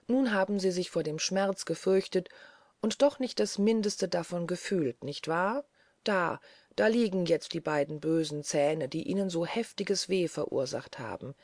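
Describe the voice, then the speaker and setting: A woman voicing a male dentist who speaks quietly and reassuringly. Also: fairly low pitch, vocal fry, no room sound, full character voice. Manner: quiet, calming, gently lecturing.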